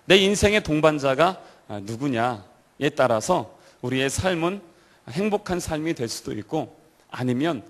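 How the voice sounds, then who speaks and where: Higher-voiced man preaching a sermon. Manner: storytelling, asks the audience direct questions. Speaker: pastor. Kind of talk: sermon to a church youth service.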